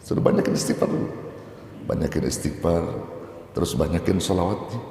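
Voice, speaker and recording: Low-voiced guy giving a sermon, loose and animated, big echoey hall. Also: brisk. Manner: colloquial, animated preaching with mock-angry quotes. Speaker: preacher.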